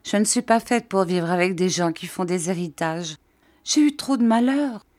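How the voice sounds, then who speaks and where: A woman's voice: fairly low pitch, lively intonation, normal speed, darkish tone, lightly acted. A woman voicing a gloomy, self-pitying old widow who whines about her misfortune. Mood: lamenting. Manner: whining, mournful complaint.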